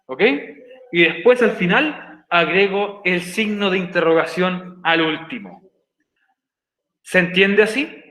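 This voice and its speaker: A man's voice: high voice, takes it slowly, pushed and bright. A male teacher explaining grammar patiently in an online class, repeating each step. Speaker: English teacher. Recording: echoey room.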